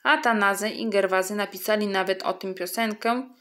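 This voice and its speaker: A woman reading a children's story aloud in an expressive way. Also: mid-range voice, moderate pace.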